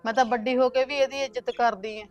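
A woman's voice: on the high side, fairly even intonation, fast, soft background music, natural voice. A woman playing a hurt, reproachful married daughter. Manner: complaining and reproachful. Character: married woman, a hurt and stubborn elder sister. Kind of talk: short film acting.

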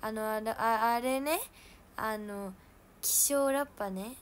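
A woman's voice: a little high, slow pace, slight background noise. Chatty young woman with Hiroshima dialect. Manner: chatty, laughs at herself, loud when acting out quotes. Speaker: idol livestream host. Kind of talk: casual livestream chat.

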